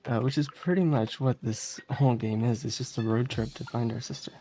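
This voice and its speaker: Giggling and chatting through a game run, a speedrunner gives live commentary that sometimes stalls as they explain. Their warm, medium-pitched voice moves briskly over background game music, with a little hiss or hum in the audio.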